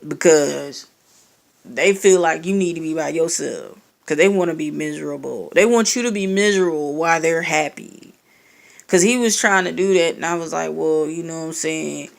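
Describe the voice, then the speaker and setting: A young woman with a low, creaky voice tells a personal story at a moderate pace. Her casual rant is profane and sarcastic, and she animatedly acts out the quoted exchanges.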